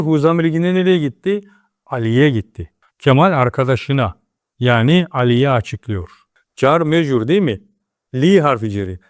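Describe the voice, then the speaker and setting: A man's voice: mid-range voice, darkish tone, no echo, studio quality. A man teaching an Arabic grammar lesson, asking questions and then answering them himself.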